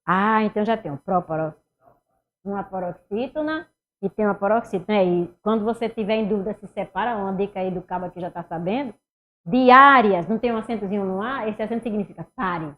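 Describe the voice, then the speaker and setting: A woman from teaching a Portuguese exam review, asking herself questions and answering them, her voice swinging between loud and soft. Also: medium pitch, fast, phone-quality sound, a little hiss or hum.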